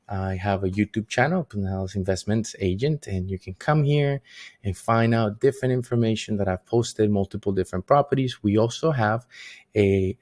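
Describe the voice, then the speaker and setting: In a small, dimly lit home studio with colored lights, a man from Colombia records a vlog introducing himself as a real estate agent. His voice sits on the low side and is a little mellow. He comes across as relaxed and sincere, leaning on plenty of filler words.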